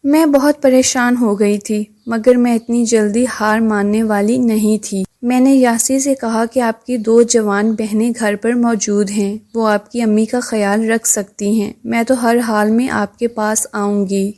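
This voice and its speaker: A woman narrating a scripted first-person story in a steady, even reading manner. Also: a little high, hardly any pauses.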